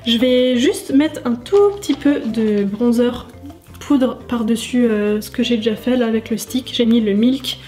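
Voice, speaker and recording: A woman's voice: fairly high pitch, unhurried, warm tone. A woman chatting casually to viewers while testing makeup, full of fillers and asides. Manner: chatty, many fillers, addresses viewers directly. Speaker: beauty vlogger. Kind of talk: casual makeup tutorial chat.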